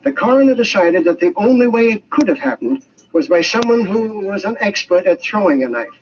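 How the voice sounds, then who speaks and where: An actor playing a fair-minded, official police inspector who speaks deliberately in an old-time radio drama. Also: male voice, sits high, lively intonation. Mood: explaining. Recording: muffled, hissy old radio recording.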